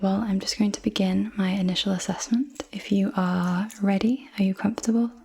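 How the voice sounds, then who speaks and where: Breathy young woman in whispered role-play. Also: medium pitch, fairly even intonation, fairly quick. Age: 20s. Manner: soft, reassuring, attentive. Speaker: clinic practitioner in a role-play. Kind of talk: ASMR. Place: indoors, small room with dark backdrop.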